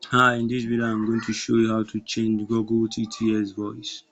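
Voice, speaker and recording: A man presenting a step-by-step screen tutorial in halting, instructional phrases. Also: on the low side, monotone, fairly bright tone. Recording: dull lo-fi recording.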